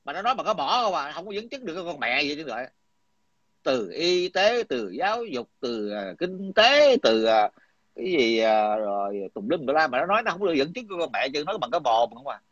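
A man's voice: fairly high pitch, very animated, brisk, fairly bright tone, no room sound. A middle-aged man, talking in a heated, coarse and combative way, repeating himself. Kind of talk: heated casual talk. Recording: dull lo-fi dry sound.

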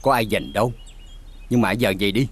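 A middle-aged actor with a Southern Vietnamese accent, playing a gruff but kindly uncle in a TV drama, talking bluntly. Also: male voice, lowish voice, lively intonation, fairly quick. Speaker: uncle taking in orphaned nephews. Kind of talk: TV drama acting. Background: soft background music.

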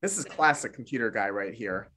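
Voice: mid-range voice, animated, fairly quick, bright, forceful tone. An improv performer in a sitcom scene, talking in a matter-of-fact, dry way.

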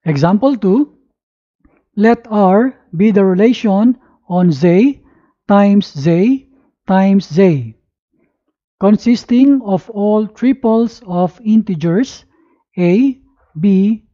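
A woman reading a scripted lesson as if dictating, word by word with pauses, spelling out letters and punctuation. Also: medium pitch, mellow, dull audio. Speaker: math lesson presenter. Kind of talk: scripted lesson narration, read aloud.

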